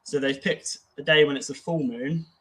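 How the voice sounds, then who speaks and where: A man co-hosting a casual podcast, easygoing and reflective, with filler pauses. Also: a little high, fairly even intonation, a bit bright. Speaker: podcast co-host. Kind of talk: casual conversational podcast chat.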